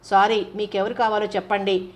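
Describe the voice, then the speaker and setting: A woman voicing a nervous young woman who speaks softly and carefully in an audiobook novel. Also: mid-range voice, little pitch movement, moderate pace, natural voice. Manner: soft, careful. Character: nervous young woman, trying to seem poised.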